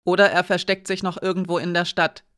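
A spirited young woman thinks out loud, quick to act and a little brash, rising in force as she argues her case, voiced by an audiobook reader. The recording is dry and close. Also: medium pitch, no echo, close to an everyday voice. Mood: eager. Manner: lively, talks aloud while thinking.

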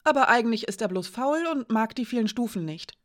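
A woman voicing a touchy, sharp-tongued young girl in a storybook, speaking high, loud and quick. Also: animated, natural voice. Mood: rambling. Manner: high, loud and indignant, rushing.

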